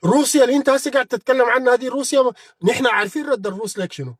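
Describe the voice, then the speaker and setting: A man's voice: very high voice, racing, breathy edge, dry recording. A man with a Sudanese Arabic accent giving a heated political monologue, combative and mocking, speaking straight at his opponent. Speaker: political commentator on a live stream.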